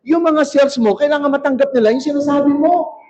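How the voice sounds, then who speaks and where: A male pastor preaching a sermon in a church hall, shouting and calling on the crowd to answer back. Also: very high-pitched, fast talker. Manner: shouting, rousing, calls for crowd response. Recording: dull lo-fi recording.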